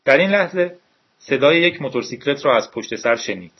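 A man with a husky, mid-pitched voice reads a novel aloud in a steady, measured way. The recording is dull and lo-fi, with a muffled top end. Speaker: audiobook narrator.

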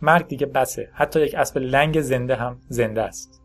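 A man's voice: mid-range voice, soft background music, lightly acted. A man voicing a frightened woman who runs a café, begging and crying out. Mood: pleading. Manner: pleading, crying out. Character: frightened female café owner, trembling and begging.

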